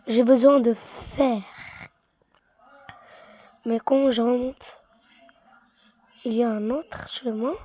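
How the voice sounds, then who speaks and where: A woman in a dry, close recording talks her way through a game at an unhurried pace. She keeps half-whispering to herself, repeating the same words over and over. Her voice sits a little high and she comes across as easily bored. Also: mellow, no room sound. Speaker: gaming streamer. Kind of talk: casual gameplay commentary.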